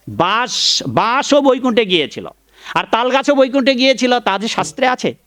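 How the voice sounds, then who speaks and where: A man's voice: sits high, dry recording, clean studio sound. A man giving a devotional sermon, preaching emphatically, chanting mantras and fondly addressing his listeners while scolding critics. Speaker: Vaishnava preacher giving a Bhagavat discourse.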